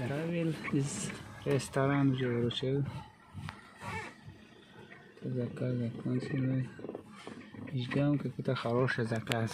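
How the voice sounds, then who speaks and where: Slow-paced man, noisy recording. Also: mid-range voice. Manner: short, clipped phrases. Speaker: delivery courier vlogger. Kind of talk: casual running commentary while working.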